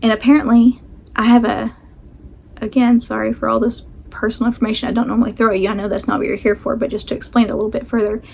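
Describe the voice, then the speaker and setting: A woman's voice: fairly high pitch, flat delivery, fast talker, gravelly, darkish tone, slight background noise. A woman chatting casually to camera as a vlog host, rambling and self-deprecating, talking with a sore jaw that slightly restricts her mouth.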